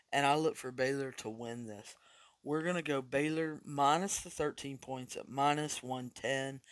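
This sports betting podcast is hosted by a man with a slightly bright mid-range voice, recorded without echo. He's casual and chatty, deliberate about his picks, and recovering from having lost his voice.

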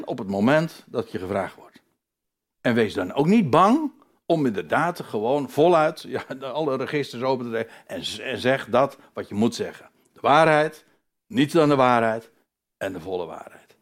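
A man's voice: medium pitch, sing-song, moderate pace. A man teaching from the Bible in a conversational way, hesitating and restarting, then rising to emphatic declarations. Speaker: preacher.

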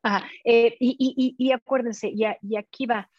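A woman therapist speaking about couple communication, often pausing with fillers and restarting her sentences. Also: on the high side, steady tone, no echo. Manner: hesitant, many fillers and restarts, acts out examples. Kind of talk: live talk on couple communication. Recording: dull muffled dry sound.

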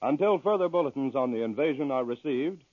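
A man announcing in the formal, measured style of a 1940s network radio broadcast, heard as an old-time radio recording. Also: medium pitch, animated, no echo, phone-quality sound. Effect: old-time radio broadcast sound.

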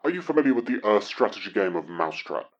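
A man's voice: on the low side, sing-song, fast. An actor playing an eager, over-polite male underling from hell, rambling on while he leaves a voicemail for his boss. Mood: fawning. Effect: voicemail message played back over a phone. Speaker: caller leaving a voicemail. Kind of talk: comic audio drama acting. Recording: dull lo-fi phone playback.

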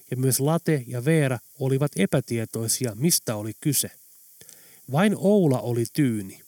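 A man narrating an audiobook in a steady, even storytelling read, recorded close to the mic. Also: medium pitch, no echo. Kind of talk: scripted narration.

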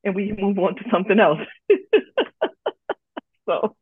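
A woman from Liberia, a podcast guest talking in a calm, reflective way. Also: medium pitch, a little slow, breathy edge, no echo. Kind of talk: casual podcast chat. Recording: tinny phone-like line, dry.

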